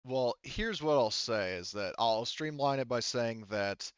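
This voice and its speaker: A man narrates a tabletop game as game master, explaining in a casual, conversational, hedging way with lots of "you know" and "like." His medium-pitched voice is unhurried and clean, with no room sound and the highs cut off.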